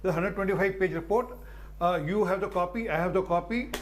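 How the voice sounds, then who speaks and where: High-voiced Indian man, emphatic and halting. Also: a little hiss or hum. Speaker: party spokesperson, debate panellist. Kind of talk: spontaneous political TV debate.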